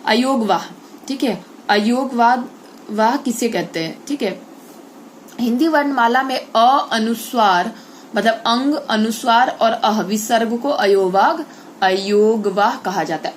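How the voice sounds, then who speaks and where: A woman's voice: fairly high pitch, a little hiss or hum. Teacher woman checking "ठीक है?". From India. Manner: explains step by step, checks in with "ठीक है?"; addresses pupils as children, repeats example words slowly. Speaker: school Hindi teacher. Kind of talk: online grammar class.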